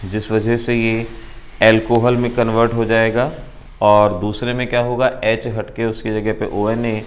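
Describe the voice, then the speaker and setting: A man with an Indian accent giving an exam-prep chemistry lecture, explaining reaction steps in a brisk, emphatic way. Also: lowish voice. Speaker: chemistry teacher.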